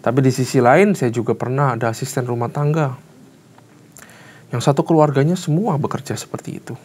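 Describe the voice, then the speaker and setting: A man's voice: mid-range voice, brisk, a little mellow, breathy edge. A man in his thirties teaching a Bible study as a conversational sermon, asking the congregation emphatic rhetorical questions in casual, colloquial phrasing.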